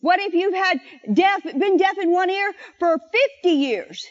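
A woman preaches in a high voice, drawing the congregation into call-and-response and slowing down to stress each verse. The recording is dull and lo-fi. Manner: animated, slows down to stress scripture and leads the crowd in repeating lines.

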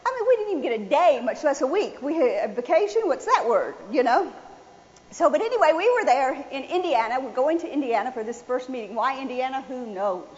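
A woman preaching a sermon, telling a personal story in a folksy, animated way. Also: high voice, fairly quick. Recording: dull sound with long hall reverb.

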